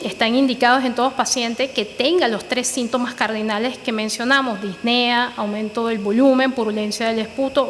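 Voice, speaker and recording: A woman pulmonologist giving a medical lecture, explaining with frequent "eh" fillers and "¿verdad?" tags. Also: a little high. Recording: reverberant room with faint ambient noise.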